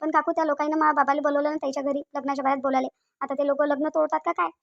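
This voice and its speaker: A tearful young woman engaged to be married, pleading in distress with a Vidarbha Marathi accent, as a woman voices her. Her voice is high, and she talks fast. This is a cartoon role. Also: level tone, creaky, dull audio. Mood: upset. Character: young bride-to-be, hurt and tearful.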